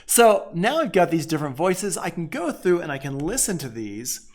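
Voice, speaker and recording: A music production teacher gives a casual software tutorial, speaking informally and conversationally as he thinks aloud. His voice sits a little high, with big pitch swings and a moderate pace.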